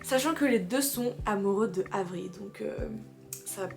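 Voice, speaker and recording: A woman presenting books in a casual vlog, chatty and excitable, laughing often and reading back-cover blurbs aloud. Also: mid-range voice, moderate pace, gravelly, soft background music. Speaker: booktuber. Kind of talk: casual book haul chat.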